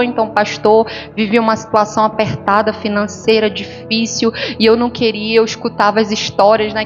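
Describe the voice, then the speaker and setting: A woman's voice: a little high, dull audio. A woman pastor preaching a sermon, telling her story with emotion and acting out the dialogue. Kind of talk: sermon testimony. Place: church service.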